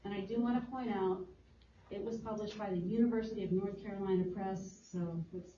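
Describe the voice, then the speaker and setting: A woman introducing speakers at a public town hall meeting, friendly and halting with fillers. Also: mid-range voice, fairly even intonation, dark tone. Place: large echoey public hall. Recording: dull roomy recording from far off.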